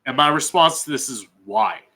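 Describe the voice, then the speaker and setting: Drag queen host, American man: slow-paced, bright and sharp, blunt opinionated solo commentary. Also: mid-range voice. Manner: blunt, emphatic, frequent swearing.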